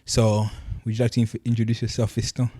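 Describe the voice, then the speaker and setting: A man's voice: medium pitch, monotone, quick pace, warm tone. A young man hosting a podcast, asking loose questions with many fillers in casual conversation. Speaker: podcast host.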